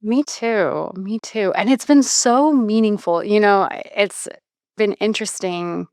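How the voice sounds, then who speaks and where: A woman in her thirties hosts a podcast, speaking reflectively and conversationally, often trailing off before starting again. Her mid-range voice is unhurried and a bit mellow. The studio recording is clean, with no room sound.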